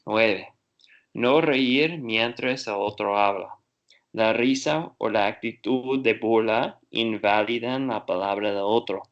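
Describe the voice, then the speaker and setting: A man's voice: lowish voice, slow, dull audio. A man learning Spanish on a video call, reading aloud carefully and asking his tutor questions.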